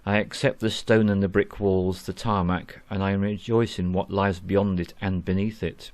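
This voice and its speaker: A man narrating his spiritual experience in a slow, calm, earnest way from a small room at home. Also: low-pitched, no room sound. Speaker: spiritual vlogger.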